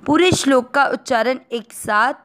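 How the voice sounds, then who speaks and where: An Indian woman teaching Sanskrit pronunciation, breaking words into syllables and then chanting each verse slowly. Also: sits high, fairly bright tone. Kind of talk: slow syllable-by-syllable recitation lesson.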